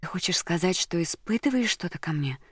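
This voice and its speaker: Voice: mid-range voice, lively intonation, brisk, fairly bright tone, slightly rough, dry recording, clean studio sound, pitched above the performer's own voice. A reader voicing Clelia, an emotional young woman. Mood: tearful, excited. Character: emotional young woman in love, tearful and eager.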